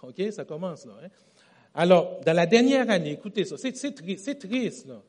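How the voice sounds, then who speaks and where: High-voiced Quebec French preacher. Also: male voice, normal speed. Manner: animated storytelling, repeats and corrects himself. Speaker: pastor. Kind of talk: sermon.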